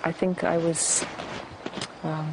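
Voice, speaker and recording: A woman in her sixties from the United States, calmly telling her story in an interview. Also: low voice, slow pace, background noise. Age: 60s. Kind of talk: recorded interview.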